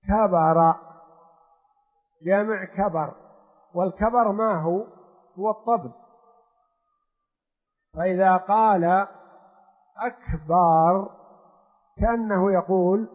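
Husky high-voiced sheikh teaching. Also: male voice. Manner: explanatory, repeats examples slowly. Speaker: sheikh teaching a fiqh text. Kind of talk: lecture explaining a religious text. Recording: tinny phone-like lecture hall recording with long reverb.

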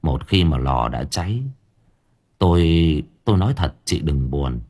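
A man voicing a fretful Buddhist monk who mutters low and stammers as he speaks. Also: animated, unhurried, darkish tone, exaggerated voice. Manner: low muttering, stammers, clicks his tongue.

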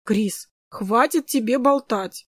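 A gentle young man speaks softly and teasingly in an audiobook, read by a woman. His lines stay close to the reader's own fairly high voice, recorded dry and close. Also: moderate pace, dry recording, natural voice. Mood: calm. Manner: soft, teasing.

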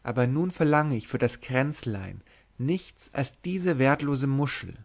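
A man's voice: medium pitch, lively intonation, a little slow, gravelly. A man reading aloud, voicing a teasing young noblewoman disguised as a lord, who speaks in a lisping, coy whisper.

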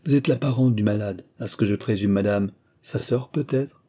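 A man's voice: fairly low pitch, moderate pace, dark tone, natural voice. A man voicing a fussy, evasive village surgeon who rambles and hesitates, in an audiobook. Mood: probing.

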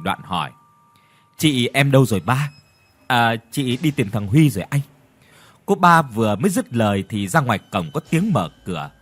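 A man narrates a village ghost story with a lively, rising and falling delivery. He reads every role with expression, and faint music plays underneath. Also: a little high. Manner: expressive reading of all roles.

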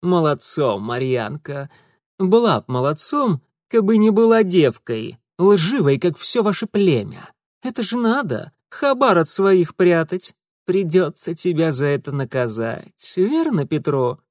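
Cruel, mocking dandy thug, read by a male narrator; high, lively, dry close sound. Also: a little slow, no room sound. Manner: sneering, with folksy slang. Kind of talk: audiobook character voice.

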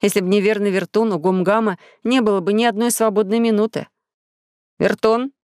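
A woman's voice: medium pitch, fairly even intonation, quick pace, a little mellow, clean tone, no room sound, clean studio sound. Woman narrating a children's audiobook. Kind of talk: scripted storybook narration. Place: recording studio.

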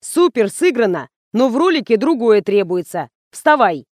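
A woman's voice: fairly high pitch, sing-song, moderate pace, no echo, clean studio sound. A woman doing a bossy panicky ad man. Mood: panicked. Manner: bossy, then loud and panicky. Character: young man, a loud panicky advertising manager.

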